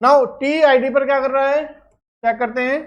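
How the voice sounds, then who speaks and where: A woman's voice: sits high, steady tone, normal speed, muffled recording. A woman teaching a lecture step by step, often checking that students follow. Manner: explains step by step, checks with "clear?". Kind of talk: classroom lecture.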